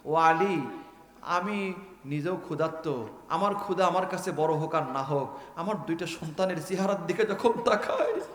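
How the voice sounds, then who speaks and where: A man's voice: a little high, moderate pace, a bit bright, close to an everyday voice. A preacher man quoting a hungry, worried young mother pleading with her husband, in his own sermon voice. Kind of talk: quoted speech in a sermon. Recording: echoey hall reverb.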